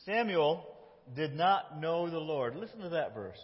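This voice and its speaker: A man's voice rises and falls, lively and expressive, sitting a little high for a man. He is a pastor telling a Bible story to his congregation and voicing its characters. The sound is dull and carried through a large echoing church hall. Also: a little slow. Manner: animated, reads dialogue in lively voices. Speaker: lead pastor. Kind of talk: sermon storytelling with children acting. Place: church sanctuary. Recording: muffled, echoey church hall.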